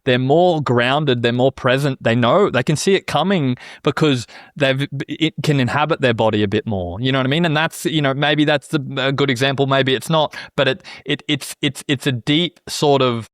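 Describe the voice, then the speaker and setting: A man's voice: medium pitch, normal speed, few pauses, no echo. Reflective man with a dry, close sound. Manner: reflective, often adds "you know what I mean?". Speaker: podcast host. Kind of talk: casual spiritual conversation.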